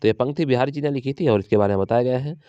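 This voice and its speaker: A man coaching students for an exam, with a mellow, dark voice. He drills each point with rhetorical questions and slows down to recite verse lines. The recording is dry and a bit dull, with no room echo. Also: mid-range voice, smooth. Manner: repeats key points, quizzes students rhetorically. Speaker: teacher.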